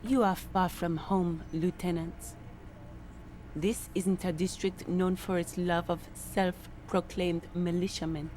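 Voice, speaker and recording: A stern union counselor with a French-sounding accent. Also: female voice, on the low side, fairly even intonation, a little mellow, slight background noise. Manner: cool, measured, stern. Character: stern, guarded woman union legal counselor.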